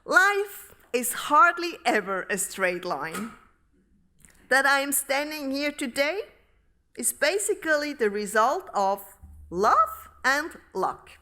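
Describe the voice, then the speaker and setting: A middle-aged woman from Switzerland, giving a formal academic lecture at a podium microphone in a large hall, reading in a measured, deliberate way. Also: sits high, sing-song, pushed and bright. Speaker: professor giving inaugural lecture.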